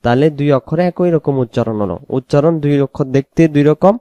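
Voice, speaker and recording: Mellow Bangladeshi man drilling Arabic letters. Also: a little high, dry recording. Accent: Bangladeshi Bengali. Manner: slow, repetitive drilling of letter sounds; sometimes sings out the letters. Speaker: Quran recitation teacher. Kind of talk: spoken tutorial on Arabic letter pronunciation.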